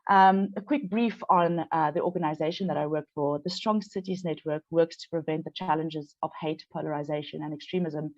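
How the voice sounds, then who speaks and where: A woman, congested from the flu, giving a prepared presentation on a video call in a measured way. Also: sits low, darkish tone, dull audio. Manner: measured, reads from prepared notes. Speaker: panel presenter.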